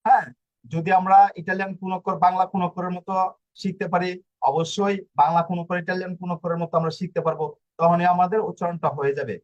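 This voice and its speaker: A man teaching an online language lesson, explaining slowly with many fillers and restarts. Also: sits high, steady tone, dull audio.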